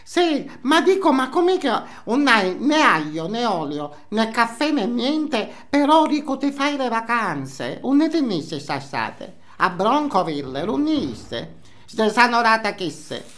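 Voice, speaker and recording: Comic sketch: nosy older Sicilian housewife played by a man, dialect-laced scolding, bright voice swinging wildly. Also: very high voice, big pitch swings, slow, exaggerated voice. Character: nosy, indignant older Sicilian housewife, gossiping about neighbours. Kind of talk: comic character monologue. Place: small indoor room, seated facing camera.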